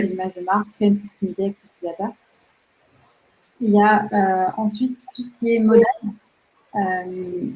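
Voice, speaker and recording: Woman, young adult, measured presenter, frequent fillers, slightly muffled lo-fi audio. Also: mid-range voice. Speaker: UX writer presenting. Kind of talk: casual presentation to an audience. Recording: slightly dull lo-fi sound.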